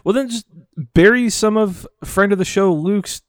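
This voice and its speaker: A young man co-hosting a podcast, joking in a deadpan way and swearing a lot. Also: high-pitched, moderate pace, clear, resonant tone, no echo, clean studio sound. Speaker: podcast co-host. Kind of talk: casual podcast chat.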